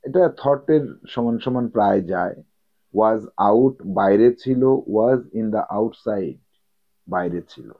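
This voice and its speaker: A man teaching English vocabulary, slowly repeating each word and its meaning and correcting pronunciation. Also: lowish voice, animated. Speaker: English tutor. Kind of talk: vocabulary lesson explaining English words in Bengali. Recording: tinny phone-like audio.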